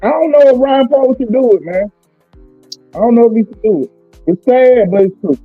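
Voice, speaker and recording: A man calls in to a sports podcast to criticize the team's coaching staff in a measured, deliberate way. His high voice comes through a dry, narrow, phone-like line with faint music behind it. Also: lively intonation, breathy edge, no room sound. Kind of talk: casual sports podcast chat.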